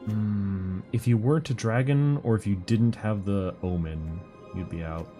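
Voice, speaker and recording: Low-voiced, slow-paced man muttering through a game stream. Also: warm tone. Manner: muttering, thinking aloud in fragments. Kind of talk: casual live gameplay commentary. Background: game music.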